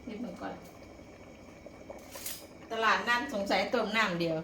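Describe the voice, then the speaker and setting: A woman's voice: mid-range voice, a little slow, pushed and bright. A middle-aged woman with an Isan Thai accent, chatting folksily to viewers as she demonstrates home cooking, with polite particles throughout. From Isan, northeastern Thailand. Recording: echoey room, clear background noise, clattering pots.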